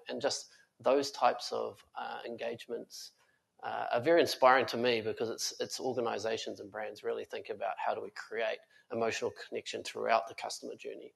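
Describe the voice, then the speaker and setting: On a conference stage in front of an audience, a tech company founder sits as a panel guest and speaks earnestly, with plenty of fillers and restarts. His mid-range voice is gravelly and a bit bright, with a breathy edge.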